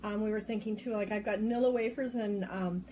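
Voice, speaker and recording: A woman's voice: mid-range voice, steady tone, fairly quick, mellow, a little hiss or hum. Chatty woman demonstrating a recipe. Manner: chatty, explains as she goes, with frequent ums. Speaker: co-host of a demo show. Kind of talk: casual chat while demonstrating recipes.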